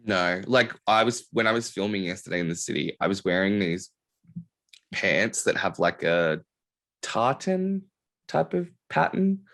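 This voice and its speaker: Low and gravelly, a little slow: that's the voice of this young podcast host. He spins animated stories in loose conversation, leaning heavily on "like."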